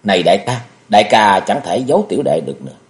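A man's voice: on the low side, lively intonation, fast, natural voice. A man voicing an anguished young male swordsman who pleads and cries out, in an audiobook reading. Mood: insistent. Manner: pleading, shouts in grief.

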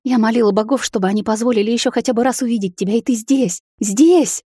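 A woman reading a novel aloud voices the heroine's mother, high and tearful. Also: unhurried, slightly rough, dry recording, clean studio sound. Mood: tearful joy.

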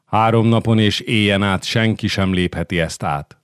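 A man's voice: lowish voice, smooth, dry recording, clean studio sound, lightly acted. A man voicing an old Greek midwife who mutters and murmurs, in an audiobook reading. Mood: muttering. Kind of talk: audiobook character voice.

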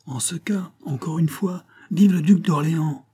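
A man voicing a hot-tempered farmer who rouses a crowd with loud, commanding shouts. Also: mid-range voice, lively intonation, normal speed, breathy edge, voice pushed up. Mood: rousing.

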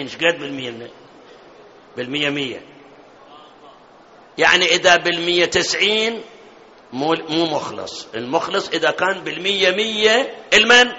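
A man's voice: sits high, sharp tone. A man giving a religious lecture to a gathered audience, often asking them questions and chanting verses of scripture. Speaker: preacher. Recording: dull lo-fi sound with long hall reverb.

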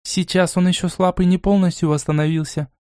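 A man voicing a weary, evasive female elf captive in a raised, soft, tired voice. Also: sits high, level tone, brisk, smooth, dry recording, clean studio sound, voice pushed up, lightly acted.

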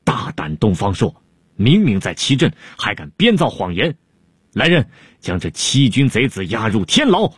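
A man voicing a stern, imperious male Han emperor who speaks in a low, commanding way. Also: a little slow, long pauses, darkish tone, no room sound, studio quality.

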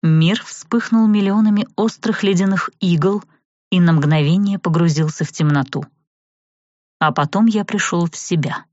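A woman narrating an audiobook in an even, steady reading voice. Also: on the low side, moderate pace, no echo, highs cut off. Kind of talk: scripted narration.

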